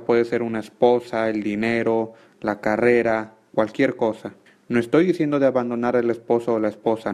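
A man's voice: medium pitch, a little mellow. Earnest man preaching a Bible study. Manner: earnest, explanatory, quotes scripture.

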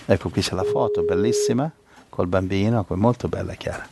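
A man's voice: low voice, a little fast, gravelly, very noisy. A man hosting an informal religious online chat, talking in a joking, teasing way. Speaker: host of a religious online talk.

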